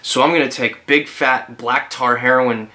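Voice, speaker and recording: A young man talking to camera in a bedroom for a casual challenge vlog, halting and deadpan, with crude humor. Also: medium pitch. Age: young adult. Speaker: cameraman and vlogger. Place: bedroom indoors. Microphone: camera at about arm's length.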